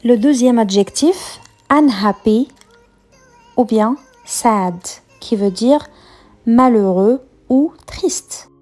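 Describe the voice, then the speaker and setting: This is a woman giving an unhurried English lesson in French, with a mellow, fairly high voice. She repeats each example word clearly and patiently. Soft music plays underneath. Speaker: English teacher.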